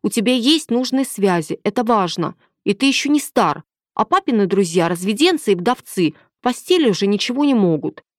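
A woman's voice: mid-range voice, animated, a little fast, dry recording, clean studio sound, voice pushed up, lightly acted. A woman reading aloud, voicing a pushy, scheming young woman of thirty who talks in an insistent, demanding way.

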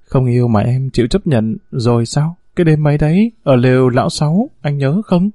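A man's voice: mid-range voice, expressive, brisk, dark tone, no room sound, clean studio sound, natural voice. A man voicing a scheming, domineering female gang boss who talks with a sneer in a storybook reading. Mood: coaxing. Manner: sneering, swaggering talk.

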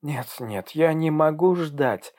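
A man's voice: on the high side, expressive, takes it slowly, a little mellow, pitched above the performer's own voice. A frightened young mother, anxious and pleading, her voice often lifting above the reader's usual range. A man acts her out in an audiobook reading. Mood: desperate pleading.

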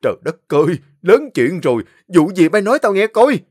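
A man voicing a gruff, bossy older uncle with a Southern Vietnamese accent. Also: medium pitch, lively intonation, brisk, dry recording, clean studio sound, close to an everyday voice. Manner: blunt, bossy.

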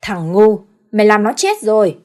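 A woman's voice: mid-range voice, very animated, moderate pace, a little mellow, close to an everyday voice. A woman voicing an angry older village patriarch who scolds and gives orders. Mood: scolding. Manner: scolding, commanding.

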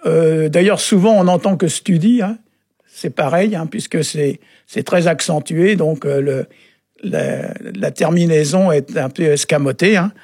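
Male radio language expert, husky and halting, very dry sound. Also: fairly high pitch, a little mellow, dry recording. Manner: halting, often adds "hein" and "euh". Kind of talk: relaxed explanatory radio chat.

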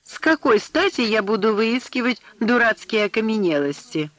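A man's voice: high-pitched, sing-song, moderate pace, fairly bright tone, no echo, pitched above the performer's own voice, low-quality recording. A male narrator voicing a capricious, sulky teenage daughter in an audiobook, whiny and tearful.

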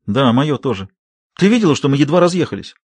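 A man's voice: mid-range voice, big pitch swings, quick pace, a little mellow, husky, dry recording, pitched above the performer's own voice. A male audiobook reader voicing a level-headed grown woman who gives short, plain replies.

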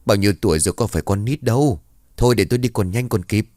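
A man voicing a stern, short-tempered older father who talks loudly and snaps. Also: on the low side, fairly quick, no room sound, studio quality, close to an everyday voice. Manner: loud, snapping.

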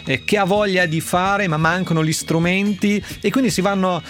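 Rambling radio host. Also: male voice, high voice, steady tone, moderate pace, fairly bright tone. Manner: rambling, many fillers and restarts. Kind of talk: radio talk show.

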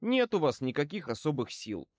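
A man reading an audiobook as a male wizard private eye who speaks wryly and with calm menace. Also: fairly high pitch, moderate pace, dry recording, clean studio sound. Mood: wry, cool. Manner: wry, calmly threatening.

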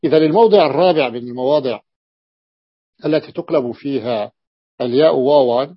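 A man teaching Arabic morphology as a sheikh, repeating key phrases and pausing to confirm each point. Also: medium pitch, husky, dry recording. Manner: repeats phrases, stretches words, often confirms with a short "yes". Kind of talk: classroom lecture explaining a text. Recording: dull lo-fi, dry sound.

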